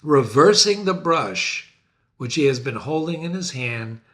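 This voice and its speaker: A man's voice: fairly high pitch, animated, unhurried, fairly bright tone. A man reading a stage play aloud and adding casual asides to the listener. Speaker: reader.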